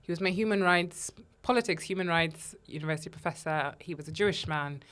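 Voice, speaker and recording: A woman co-hosting a podcast, chatting in a measured, thoughtful and agreeable way. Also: fairly low pitch, a bit bright. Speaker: podcast co-host. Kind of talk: casual chat.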